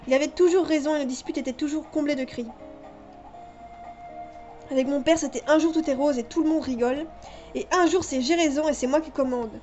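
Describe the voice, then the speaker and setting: Brief: woman reading a story game aloud, high voice, lo-fi sound, music underneath. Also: darkish tone. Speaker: visual novel narrator. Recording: dull lo-fi with music behind.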